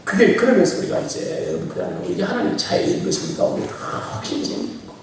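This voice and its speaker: Animated male preacher in an echoey hall. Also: high-pitched, quick pace, background noise. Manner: animated preaching, swings from quiet asides to shouting; laughs often, chatty and folksy. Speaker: pastor. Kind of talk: sermon. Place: church sanctuary. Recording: very echoey church hall, preacher heard from far off.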